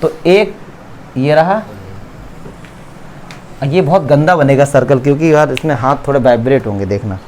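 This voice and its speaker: With a fairly high, darkish voice and slight background noise behind him, an Indian-accented man explains geometry in a classroom. His manner is chatty and teasing, and he repeatedly makes sure the students are keeping up.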